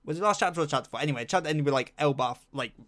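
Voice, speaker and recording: A man's voice: a little high, rapid-fire, fairly bright tone. A young man chatting casually on a live stream, reading chat and rambling with lots of fillers while humming to himself.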